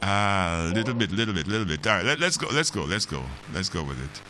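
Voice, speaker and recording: A man's voice: lowish voice, lively intonation, quick pace, sharp tone, a little hiss or hum. A man hosting a casual call-in chat, often repeating his phrases. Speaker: radio host.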